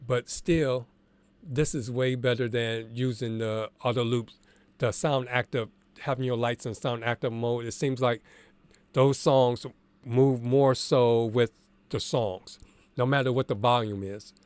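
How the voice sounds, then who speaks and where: A man with an allergy-congested morning voice talks through his DJ software in a loose, easygoing way, thinking out loud. The recording is dry and close, with no room sound. His pitch sits in the middle range. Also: unhurried, smooth, no room sound. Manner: relaxed and candid, thinking aloud with fillers. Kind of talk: casual screen-share tutorial.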